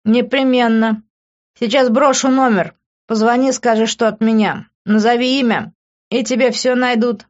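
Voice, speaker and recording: A woman reading the part of a drunk, whiny young man who exclaims loudly. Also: fairly high pitch, steady tone, normal speed, highs cut off, pitched above the performer's own voice, lightly acted. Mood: amused. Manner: whining, exclaiming. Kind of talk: audiobook character reading.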